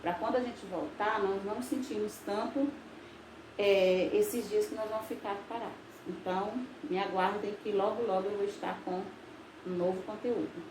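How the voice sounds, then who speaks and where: A woman from Brazil, a teacher, explaining grammar in a recorded video lesson, slow and patient, with frequent recaps. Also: medium pitch, steady tone. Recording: echoey room with faint noise.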